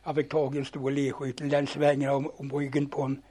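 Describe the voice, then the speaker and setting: An older man telling lively anecdotes from his youth, acting out the dialogue and often stumbling and restarting words. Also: medium pitch, husky. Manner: animated yarn-spinning, acting out dialogue, repeats and restarts words. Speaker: storyteller. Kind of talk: spoken reminiscence, telling old anecdotes.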